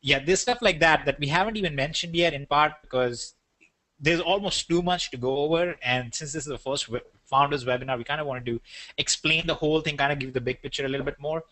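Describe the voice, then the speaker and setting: This Indian-accented webinar co-host talks quickly in a fairly high, sharp voice, mixing jokes with straightforward product explanations for a business audience. The recording is rough, with no room sound.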